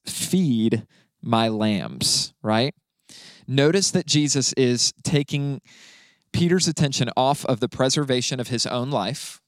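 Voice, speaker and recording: A man, a pastor, explaining a Bible passage in a relaxed conversational way, often checking in with "right?". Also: medium pitch, no echo. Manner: explanatory, frequent "right?" and fillers.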